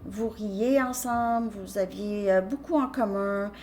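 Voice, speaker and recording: A woman's voice: mid-range voice, measured pace, a little mellow, a little hiss or hum. A woman giving a casual tarot reading, talking hesitantly with frequent restarts and "ok?" check-ins. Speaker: tarot reader.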